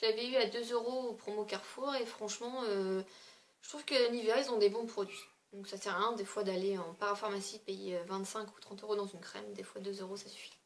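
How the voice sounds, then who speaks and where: A woman's voice: medium pitch, fairly even intonation, brisk. A woman beauty vlogger chatting casually through a product review, talking loosely with frequent fillers and small hesitations.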